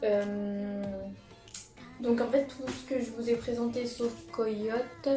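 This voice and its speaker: A woman's voice: fairly high pitch, fairly even intonation, slow pace, mellow. Chatty young Frenchwoman in an echoey room. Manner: chatty, hesitant, many fillers and restarts. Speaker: manga vlogger. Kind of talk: casual chat showing purchases. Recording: echoey room with music behind.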